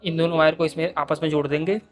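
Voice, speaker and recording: A man's voice: a little high, fairly even intonation, fast talker, a little hiss or hum. A man hosting a repair tutorial, explaining each step patiently as he works and often calling his viewers dear friends. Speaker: repair video host.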